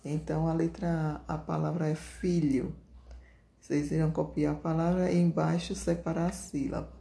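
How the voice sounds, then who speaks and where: A primary school teacher going over homework answers, dictating them slowly, spelling out the punctuation and repeating each answer word. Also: mid-range voice, flat delivery, creaky, warm tone.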